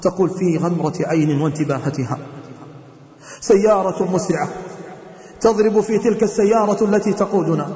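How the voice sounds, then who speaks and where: A man preaching a sermon, telling a moral story dramatically and voicing its characters in a lower tone. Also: mellow. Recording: echoey hall.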